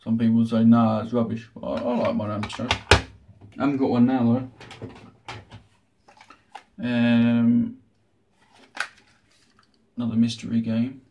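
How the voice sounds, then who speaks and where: A man hosts a show-and-tell retro gaming unboxing from a small room at home, chatting casually with dry, sarcastic asides. His medium-pitched voice is level and unhurried, pausing often, and the highs are cut off. Background noise is noticeable.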